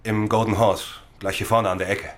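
An actor playing a cagey, roguish captain under questioning in a German radio crime drama, hesitant, sly and slangy. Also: male voice, on the low side, little pitch movement, brisk, lightly acted. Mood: evasive, roguish.

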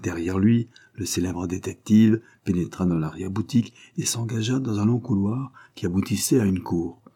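A man reading a novel aloud as an audiobook narrator, in a measured, even storytelling manner. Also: lowish voice, slightly rough. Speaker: audiobook reader.

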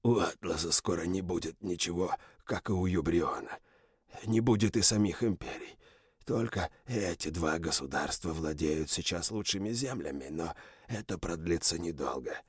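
A man voicing a wounded captive general who pleads for his life and then threatens his captors, hoarse and strained. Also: low voice, lively intonation, moderate pace, dry recording, clean studio sound, full character voice. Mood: menacing. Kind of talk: audiobook character reading.

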